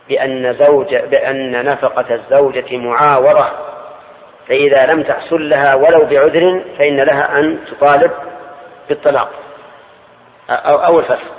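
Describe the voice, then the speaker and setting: Older man teaching hadith, lo-fi hall. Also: medium pitch. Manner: measured, repeats key phrases, explanatory. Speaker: Islamic scholar teaching hadith. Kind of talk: religious lesson explaining hadith. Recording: dull lo-fi archive recording in a large reverberant hall.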